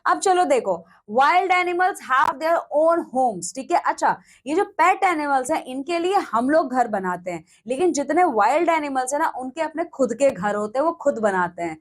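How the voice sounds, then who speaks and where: High-voiced woman teaching English vocabulary. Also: very animated. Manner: mixes Hindi with English, reads word lists aloud, slows down for English sentences. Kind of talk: classroom lesson explaining vocabulary.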